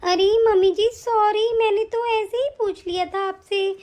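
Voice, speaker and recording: A gentle young daughter-in-law in a cartoon speaks in a high, soft voice, voiced by a woman. She sounds meek and apologetic, quick to smooth things over. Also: fairly even intonation. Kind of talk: cartoon voice acting.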